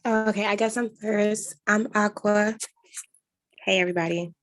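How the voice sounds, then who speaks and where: A woman's voice: medium pitch, fairly even intonation, a little slow, no room sound. A woman from Chicago, a guest content creator on a podcast, talking bluntly and casually and swearing freely. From Chicago, USA. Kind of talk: casual group interview.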